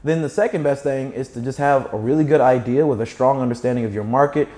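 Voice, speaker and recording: A young man with a slight lisp, a startup founder appearing as a guest, speaks quickly with a warm, medium-pitched voice. He tells stories and gives advice in animated conversation, fluent and emphatic.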